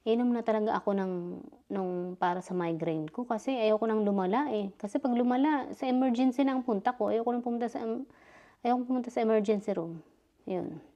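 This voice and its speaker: A woman's voice: on the high side, fairly quick, dark tone, lo-fi sound. A middle-aged woman, still a bit dizzy, chatting through a personal story and acting out the dialogue. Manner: chatty, retelling dialogue, frequent fillers. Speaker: vlogger. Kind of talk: casual storytelling vlog.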